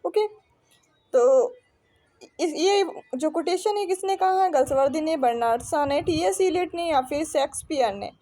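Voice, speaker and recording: Young Indian woman, exam tutor, very high pitch, soft dark tone, drills students with repeated questions. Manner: reads questions slowly, then explains in Hindi with repeated quiz-like questions. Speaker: English teacher. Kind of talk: exam-prep lesson.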